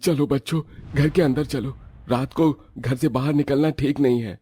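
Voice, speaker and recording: A man's voice: medium pitch, steady tone, moderate pace, mellow, husky, no echo, soft background music, pitched above the performer's own voice, natural voice. A man voicing a protective father in a cartoon, firmly calling his daughters inside. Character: father of two girls, protective and firm. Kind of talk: Hindi cartoon voice acting.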